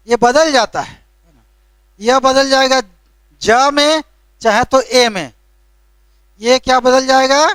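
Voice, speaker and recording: A man's voice: very high voice, a bit bright, smooth, no room sound. A male teacher lecturing a classroom, checking in with a constant tag question and lightly scolding needless spellings. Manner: keeps adding the tag question "है ना?".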